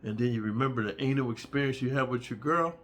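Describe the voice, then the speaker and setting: A man telling a story in a crude, rambling casual monologue, full of "dude" and "bro", now and then jumping into high squeaky voices for the people he quotes. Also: quick pace, a bit bright.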